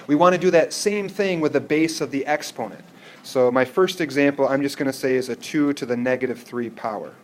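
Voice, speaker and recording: There's a little hiss or hum as a man with a mid-range voice teaches algebra in a classroom. The math teacher breaks the material into steps and regularly asks whether his students are with him.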